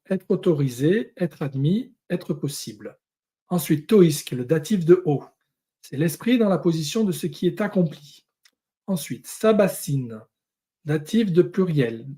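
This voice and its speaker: A man teaching a lesson, going through Hebrew and Greek words one at a time with many pauses. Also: fairly high pitch, mellow, slightly rough. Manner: explains word by word, pausing often. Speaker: Bible teacher.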